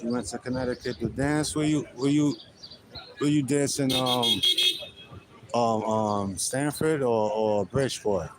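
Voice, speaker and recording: A man's voice: medium pitch, a little slow, background noise. A middle-aged man with a New York accent, chatting loosely in a live street vlog on his phone. He is outdoors on a hot city street and reads viewer comments aloud. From the Bronx, New York. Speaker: livestreamer. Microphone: phone camera.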